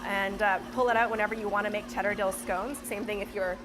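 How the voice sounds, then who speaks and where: A woman's voice: mid-range voice, fairly even intonation, fast talker, music in the background. Cheerful woman explaining a recipe. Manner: upbeat, explanatory, laughs easily. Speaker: dairy expert demonstrating recipes. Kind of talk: cooking demonstration.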